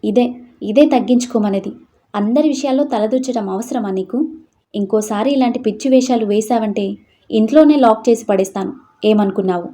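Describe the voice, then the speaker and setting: A woman's voice: on the high side, steady tone, very fast, natural voice. A woman voicing an angry, strict father who scolds his daughter in a storybook reading. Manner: shouting, scolding.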